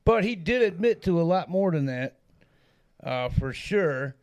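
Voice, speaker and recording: A man with a high, gravelly voice co-hosts a casual true-crime podcast. He talks with heavy sarcasm and plenty of swearing. He breaks into laughter between his points. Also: expressive, measured pace, a little mellow, lo-fi sound. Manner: sarcastic, profane, laughs often. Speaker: podcast co-host.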